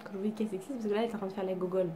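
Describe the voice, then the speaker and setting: A woman's voice: mid-range voice, steady tone, racing, background noise. A woman chatting casually to camera about her makeup haul, self-deprecating and full of fillers and restarts, at home. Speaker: beauty vlogger. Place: home with cats around.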